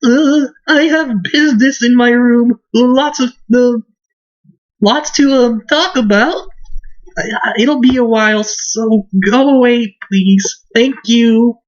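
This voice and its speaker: A man's voice: very high voice, slow, pitched above the performer's own voice. A man doing a jittery, stammering recluse girl. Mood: nervous. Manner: stammering, flustered. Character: shy, jittery reclusive teenage girl hiding in her room. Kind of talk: fan voice-over of game dialogue. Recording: muffled lo-fi mic.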